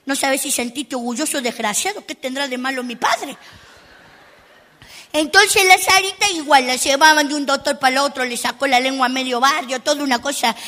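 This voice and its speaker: A woman's voice: sits high, moderate pace, sharp tone. A woman comic playing a cheeky, indignant little girl, complaining in a stand-up monologue full of sassy rhetorical asides.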